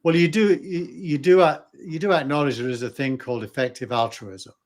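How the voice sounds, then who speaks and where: A man's voice: fairly high pitch, fairly even intonation, brisk, a little hiss or hum. A man co-hosting a podcast, talking in a casual debate with frequent fillers and restarts. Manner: hesitant, many fillers and restarts. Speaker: podcast co-host.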